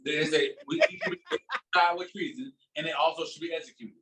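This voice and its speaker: A man's voice: fairly high pitch, brisk, distant mic, background noise. A man co-hosting a casual podcast, raising topics and retelling moments with animation. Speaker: podcast co-host.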